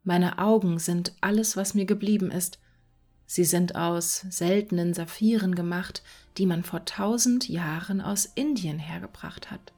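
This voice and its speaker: A woman's voice: lowish voice, measured pace, a little mellow, soft background music. Woman whispering as a sorrowful prince statue. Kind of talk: whispered role-play.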